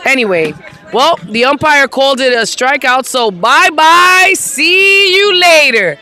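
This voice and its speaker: A woman calling a softball game play by play from outdoors at the field, excitable and hyping each play with shouts. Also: high-pitched, measured pace, soft background music. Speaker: play-by-play commentator. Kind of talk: amateur sports commentary.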